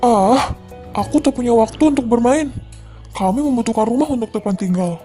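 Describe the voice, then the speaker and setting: A woman voicing a busy grown-up man in a storybook reading, talking lower and in a rush. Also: moderate pace, warm tone, faint music behind, natural voice. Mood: dismissive.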